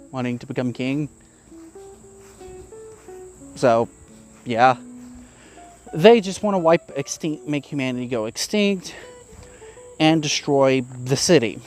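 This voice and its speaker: A man's voice: mid-range voice, a little mellow. A man giving a casual, candid spoken review, chatty and plain-spoken with the odd curse. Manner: candid and chatty, with frequent fillers and mild swearing. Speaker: YouTube reviewer.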